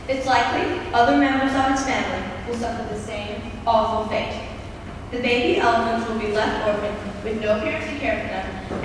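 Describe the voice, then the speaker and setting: Schoolgirl doing an earnest speech in a big echoey hall, kinda far from the mic w background noise. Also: fairly high pitch. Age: child or young teen, not yet in early twenties. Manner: earnest, rhetorical questions with emphatic pauses. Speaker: student speaker giving a speech. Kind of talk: prepared persuasive speech to an audience. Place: large echoing room with an audience.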